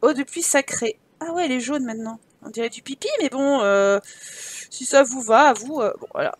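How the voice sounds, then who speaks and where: A woman's voice: sits high, a little fast, no room sound. A woman hosting a gaming channel, giving casual gameplay commentary, chatty and joking as she thinks aloud.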